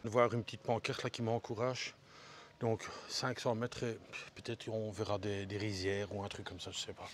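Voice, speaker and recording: A man's voice: fairly low pitch, little pitch movement, normal speed, a little hiss or hum. A man vlogging casually while walking outdoors, hot and short of breath, joking and talking straight to his viewers. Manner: chatty, jokey, addresses viewers directly. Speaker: travel vlogger. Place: outdoor ridge path.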